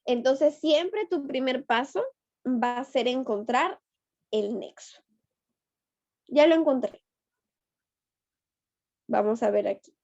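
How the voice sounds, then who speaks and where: A woman teacher with a high-sitting, darkish voice speaks slowly with long pauses during an online class. She takes the lesson step by step, patiently coaxing answers from her students, and the online class audio is dull and lo-fi.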